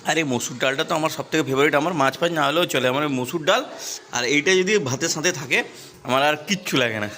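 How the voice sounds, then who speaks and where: A man talking casually in a family home vlog, chatty and often laughing, coaxing a small child gently. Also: on the high side, fast, a little hiss or hum. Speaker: family vlogger. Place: at home, indoors.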